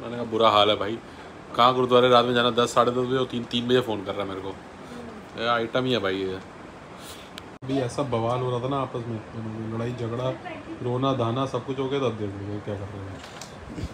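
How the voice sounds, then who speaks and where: A man's voice: medium pitch, fairly even intonation, fairly quick. A young man casually vlogging at home, chatting and teasing his family's kids. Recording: noisy home phone recording.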